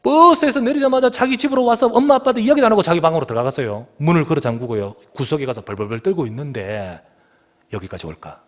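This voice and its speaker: Korean pastor preaching with dramatic swings. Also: male voice, a little high, animated, fast talker, hardly any pauses. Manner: storytelling with sudden loud emphatic rises and hushed drops. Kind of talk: sermon. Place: church sanctuary.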